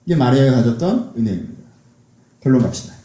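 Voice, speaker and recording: A man's voice: mid-range voice, lively intonation, fast, mellow. A man preaching a sermon as a pastor, speaking conversationally and asking his congregation questions. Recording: echoey church hall.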